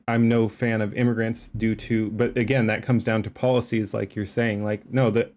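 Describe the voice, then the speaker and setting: A medium-pitched man with a darkish tone reacts to a debate clip as a streamer, commenting live. He speaks emphatically and rambles, using many fillers and restarting frequently.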